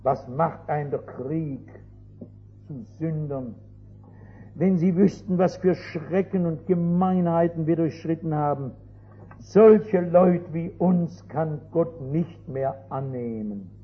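Preacher voicing a despairing young soldier. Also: male voice, a little high, takes it slowly, dull audio, pitched below the performer's own voice. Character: despairing young male scientist, guilt-ridden war veteran.

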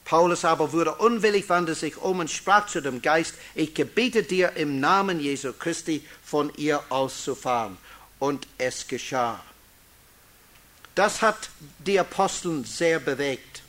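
Slow, high-voiced preacher, man. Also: fairly bright tone. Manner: slow, emphatic preaching with stressed key words; non-native German with small grammar slips. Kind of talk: sermon reading and explaining scripture.

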